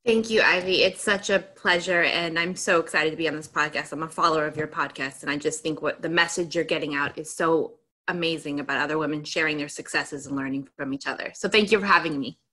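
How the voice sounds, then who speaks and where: A woman from Greece, an attorney and author appearing as a podcast guest, answers interview questions enthusiastically in long run-on turns. Her voice sits low, with a fast pace and a sharp tone.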